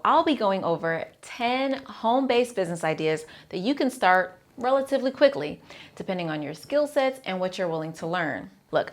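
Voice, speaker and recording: A woman accountant hosts her own channel, delivering an upbeat, direct, scripted explainer straight to the viewer in a mid-range voice.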